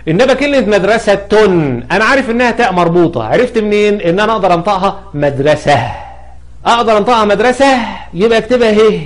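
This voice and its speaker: A man's voice: high voice, rapid-fire, hardly any pauses. A man with an Egyptian accent giving a grammar lesson. He repeats example words and asks and answers his own questions. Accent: Egyptian Arabic. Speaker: Arabic grammar teacher.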